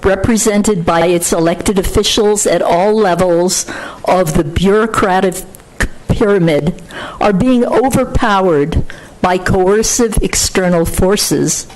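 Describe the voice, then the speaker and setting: Older woman, slow careful speech at a council podium, formal reading. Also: medium pitch, a little mellow, a little hiss or hum, low-quality recording. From France. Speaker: public commenter at a city council meeting. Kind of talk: prepared speech read aloud. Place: council chamber, indoors. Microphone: podium microphone.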